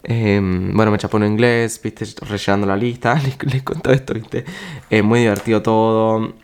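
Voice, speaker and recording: A man's voice: on the low side, level tone, normal speed, clean tone. Argentine guy in his twenties rambling through a travel story, lots of slang and filler words. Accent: Argentine Spanish. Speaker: podcast host. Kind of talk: casual storytelling monologue.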